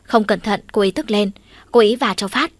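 A woman voicing a sharp-tongued middle-aged mother who scolds and curses loudly, reading an audiobook. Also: medium pitch, normal speed, no room sound, natural voice. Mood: scolding. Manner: gruff, cursing, snapping.

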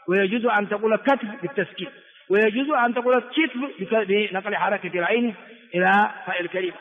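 A man teaching a religious text in a classroom lecture, repeating words for students and asking rhetorical questions. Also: high voice. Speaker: Islamic scholar teaching a hadith text. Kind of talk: classroom lecture on hadith and grammar. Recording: tinny phone-like echoey hall recording.

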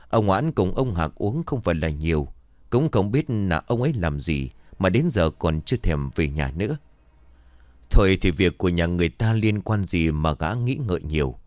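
Male horror narrator, low, animated, dry close sound. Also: no room sound. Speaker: storyteller.

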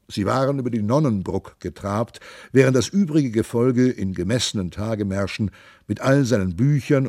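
Gravelly-voiced male audiobook narrator. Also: on the low side, a little mellow, no echo, studio quality. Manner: measured, storytelling delivery. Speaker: audiobook reader. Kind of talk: scripted narration of a comic classic novel.

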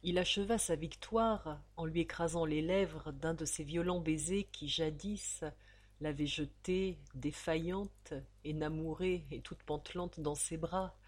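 A woman with a husky voice narrating a nineteenth-century melodrama in an expressive, dramatic reading. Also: sits low, measured pace. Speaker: audiobook narrator.

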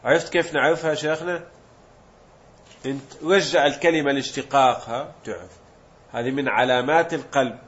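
A man's voice: mid-range voice, a little fast, a bit bright. A man teaching a grammar lesson, explaining step by step and asking questions he then answers himself. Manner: mixes colloquial Gulf Arabic with classical terms. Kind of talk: Arabic morphology lesson. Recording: dull lo-fi recording.

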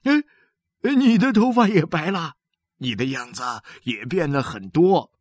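A worn, plain-spoken country man in his forties talks in a homely way, as a woman reads him in a storybook. The delivery is slow, and the room is dry. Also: low-pitched, big pitch swings, darkish tone, breathy edge, no echo, heavily acted.

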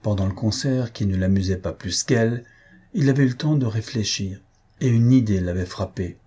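An audiobook narrator reads a classic novel in a measured, even pace. His low voice is mellow and husky with a breathy grain.

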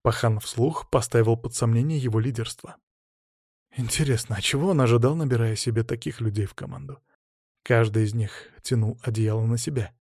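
A man narrating a story in the first person with an even, ironic tone. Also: mid-range voice, fairly quick, husky, no room sound, studio quality. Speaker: audiobook narrator.

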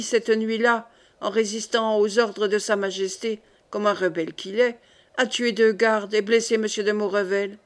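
A woman voicing a scheming, controlled queen mother in an audiobook, measured and persuasive. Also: on the high side, natural voice.

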